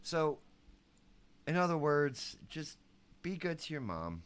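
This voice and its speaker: A man's voice: fairly high pitch, sing-song, takes it slowly, fairly bright tone, smooth. A man, a parent, co-hosting a casual podcast and reading out jokes and sayings. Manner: reads out mom jokes and quotes. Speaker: podcast co-host. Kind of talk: casual podcast joke-telling.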